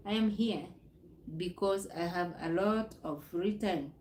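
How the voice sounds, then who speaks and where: A woman's voice: medium pitch, reverberant, slight background noise, low-quality recording. A woman from Uganda, chatting casually on her live stream, rambling and repeating herself. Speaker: livestream host. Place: noisy home with kids nearby.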